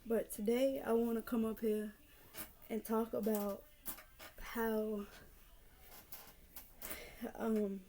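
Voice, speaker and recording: Slow and pausing often, this nineteen-year-old North Carolina woman speaks earnestly to her camera in a casual vlog, going over her points again to encourage viewers. Her voice sits on the high side, level and mellow, recorded on a camera mic with slight background noise.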